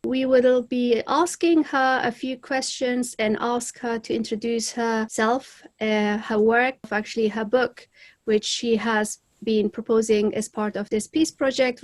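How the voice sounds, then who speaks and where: A woman's voice: on the high side, steady tone, moderate pace. A woman hosting an interview, polite and formal, with some filler words. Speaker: interview host.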